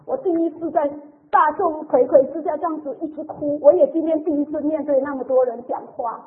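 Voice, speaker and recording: A woman shares a heartfelt faith testimony in a high voice. Her telling is emotional and chatty, with soft sentence-final particles. The sound is thin and tinny, like a phone line played over the radio. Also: fairly even intonation, brisk. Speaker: church member giving testimony.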